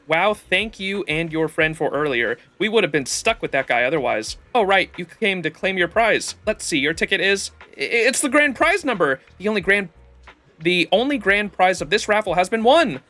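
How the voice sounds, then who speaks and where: A cheerful raffle attendant from a game, acted by a man, announcing prizes with grateful emphasis. The voice is high and very lively, with faint music behind. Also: moderate pace, exaggerated voice. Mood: congratulatory. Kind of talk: reading game dialogue aloud.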